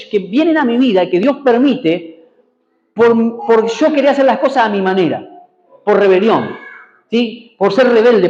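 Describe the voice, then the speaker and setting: A man's voice: very high-pitched, a little mellow, reverberant, dull audio. A man preaching a sermon in a church, prompting the congregation to repeat after him and answer amen. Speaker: pastor. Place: church hall.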